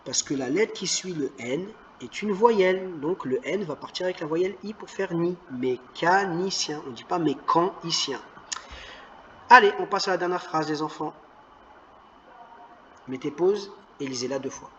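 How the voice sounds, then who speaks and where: Male primary teacher, lively, higher voice, patient, reads word by word for kids. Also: lo-fi sound, a little hiss or hum. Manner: slow, clearly stressed word-by-word reading; patient, encouraging teacher talk. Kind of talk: reading lesson for children.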